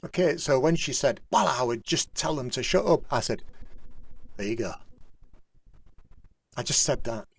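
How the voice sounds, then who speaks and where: A man talking softly on a video call, drifting into thoughtful, rambling reflections. His voice is dry and close, with no room sound. He holds a middle pitch and often trails off quietly. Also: animated, a little fast, creaky, few pauses, breathy edge, dry recording. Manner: soft-spoken, rambling and reflective. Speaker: therapist and session host. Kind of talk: casual online group discussion.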